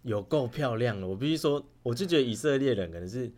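A man's voice: mid-range voice, lively intonation, fast, a little mellow. A man with a Taiwanese Mandarin accent, a podcast guest chatting casually about his travels. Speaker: podcast guest, primary school teacher.

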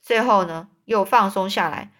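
A woman's voice: medium pitch, moderate pace, a bit bright. A woman retelling a children's story in a loose, casual way, with fillers and repeats.

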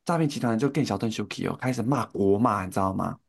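A man's voice: on the low side, fast talker, creaky. A man with a Taiwanese Mandarin accent, co-hosting a podcast and telling school stories in casual chat, laughing often. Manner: animated, laughing storyteller. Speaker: podcast co-host.

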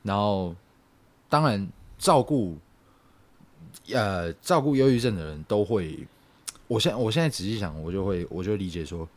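A young man, telling a personal story on a podcast in a halting, reflective way. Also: lowish voice, animated. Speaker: podcast co-host. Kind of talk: casual podcast chat.

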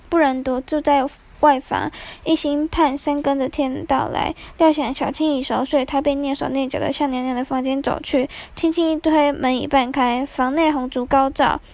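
A woman storyteller narrating a folk tale in a vivid, expressive manner. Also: sits high, no room sound.

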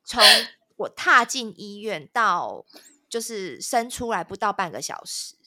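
A woman, a podcast guest telling a story in an animated, dramatic way. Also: mid-range voice, measured pace, no echo. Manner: animated, dramatic retelling with laughter. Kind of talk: casual storytelling chat.

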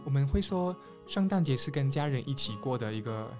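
A man's voice: mid-range voice, lively intonation, fairly quick. A man from Peru in a casual podcast chat, speaking Mandarin and hesitantly searching for words. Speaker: podcast panelist. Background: guitar music.

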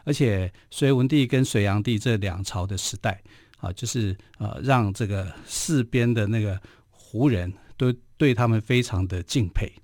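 A man with a Taiwanese Mandarin accent hosts a radio history show from a studio, telling stories in a chatty, casual way full of filler particles. His voice is lowish and a little mellow at a moderate pace, with no echo.

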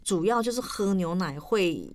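A woman's voice: on the low side, lively intonation, moderate pace, a little mellow. A woman with a Taiwanese accent in casual discussion, presenting health advice and asking questions.

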